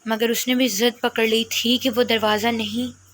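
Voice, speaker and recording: A woman reading a romance novel aloud in a steady storytelling manner. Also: on the high side. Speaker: novel reader. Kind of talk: storytelling narration.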